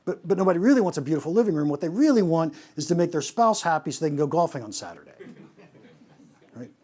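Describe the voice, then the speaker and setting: His voice is slightly high and his pace fast as this male pricing consultant presents animatedly on pricing. Rhetorical questions come often, and he repeatedly breaks off and begins sentences again.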